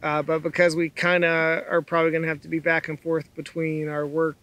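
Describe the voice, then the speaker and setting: A middle-aged man co-hosting a sailing vlog, talking in a steady, thoughtful way with pauses and fillers, seated outdoors on open dunes and filmed from a tripod camera. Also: a little high. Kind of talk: casual chat.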